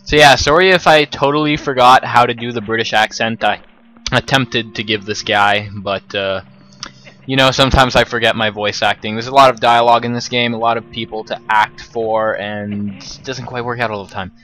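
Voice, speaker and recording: A man's voice: medium pitch, steady tone, moderate pace, sharp tone, low-quality recording. A man giving casual let's play commentary, rambling and chatty, self-deprecating. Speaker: gameplay commentator.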